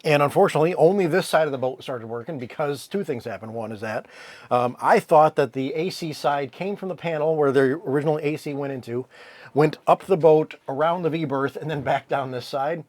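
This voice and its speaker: A man's voice: a little high, a little fast, a little mellow, no echo. A man giving a casual, rambling walkthrough of his sailboat's cabin, with fillers and self-corrections. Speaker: sailboat owner giving a tour.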